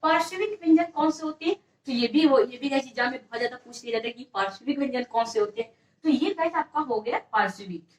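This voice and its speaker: Woman teacher, high voice, keeps asking questions and answering them, roomy echo. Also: lively intonation, quick pace, recorded from a distance. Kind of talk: exam-prep grammar lesson.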